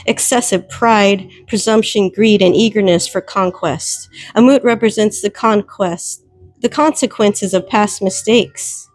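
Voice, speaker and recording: A woman's voice: mid-range voice, a little slow, darkish tone, no echo, soft background music. Emphatic woman tarot reader, dry sound. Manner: emphatic, repeats warnings, addresses viewers directly. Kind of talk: solo tarot reading.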